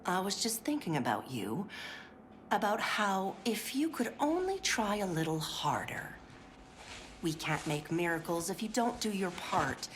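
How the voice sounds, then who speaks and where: In scripted game voice lines, an actress plays a chirpy, sugary, overly polite 1950s clinic worker who is strained, pill-addled, and fraying, often slipping into whispers. Here she sounds passive-aggressive, her mid-range voice a little slow, with steady background noise.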